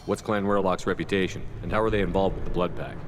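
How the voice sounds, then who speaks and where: An actor playing a calm, inquisitive human military commander in a video game, with a businesslike manner. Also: male voice, low voice, fast talker, music in the background, natural voice. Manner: level, businesslike questioning. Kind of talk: video game character dialogue.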